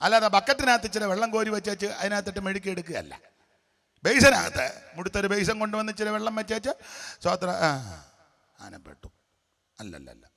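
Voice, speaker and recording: A man from preaching a sermon, animated, breaking into hymn lines and dropping to hushed voices to act out scenes. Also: sits high, fast. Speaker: pastor.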